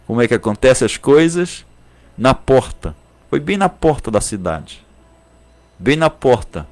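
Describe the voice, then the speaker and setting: Brazilian preacher repeating each phrase. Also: male voice, mid-range voice, big pitch swings, unhurried. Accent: Brazilian Portuguese. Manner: preaching with emphatic repetition; speaks in tongues. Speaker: pastor. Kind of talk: sermon.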